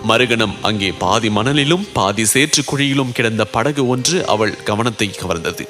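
A man reading a novel aloud as an expressive storyteller. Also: medium pitch, moderate pace, soft background music. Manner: expressive, animated.

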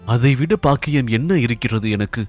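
A man voicing a calm, self-assured young woman who answers her father firmly and evenly. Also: mid-range voice, normal speed, soft background music, close to an everyday voice. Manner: firm, composed replies.

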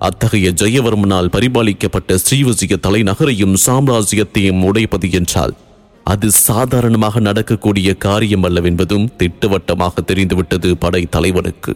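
A man narrating a story in a steady, formal literary reading. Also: on the low side.

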